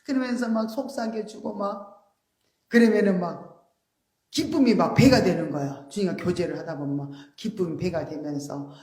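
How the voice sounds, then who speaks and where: A woman pastor preaching a sermon in an animated, emphatic way, often acting out quoted voices. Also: on the low side, normal speed, roomy sound, crowd noise. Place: church.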